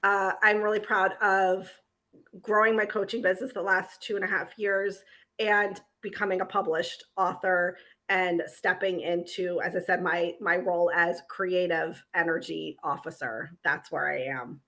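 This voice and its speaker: A woman in her forties, a life coach guest on a podcast, talking in a warm, halting way and laughing easily. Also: on the low side, steady tone. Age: 40s. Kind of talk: interview chat.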